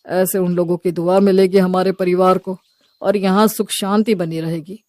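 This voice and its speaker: A woman playing a pious, calm older father-in-law who speaks in an earnest, measured way. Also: lowish voice, no echo, natural voice.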